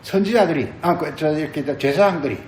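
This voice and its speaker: A man's voice: a little high, brisk, a little mellow, echoey room, a little hiss or hum, low-quality recording. A male pastor giving a sermon, repeating phrases and asking the congregation questions. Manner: repetitive, asks the congregation questions.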